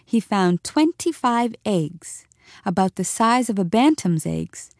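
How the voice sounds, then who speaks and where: A woman narrating a storybook in an expressive, measured reading. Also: mid-range voice, vocal fry, dry recording, clean studio sound.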